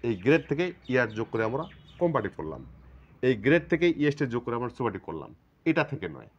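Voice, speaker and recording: A man with a Bangladeshi accent teaches an English grammar lesson step by step, repeating terms and stretching words out slowly to show their syllables. His medium-pitched voice swings widely in pitch, and the audio is dull.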